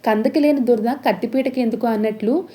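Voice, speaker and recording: A woman's voice: fairly high pitch, a little fast, warm tone, lightly acted. A woman voicing a scheming middle-aged woman villain who sounds sly and defensive, in a serial recap story.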